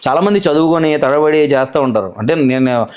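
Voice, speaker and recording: A man with a Godavari Telugu accent, a voice-over artist telling his story as a guest in a casual interview, in a brisk, chatty, self-assured way. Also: fairly high pitch, a little mellow, smooth. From Godavari region, Andhra Pradesh, India.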